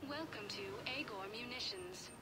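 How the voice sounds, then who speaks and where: A woman's voice: animated, moderate pace. A woman voicing a polite female shop announcer in a video game, giving a cheerful scripted store announcement. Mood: announcing. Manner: cheerful scripted sales pitch. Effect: store public-address announcement. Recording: game audio under loud noise.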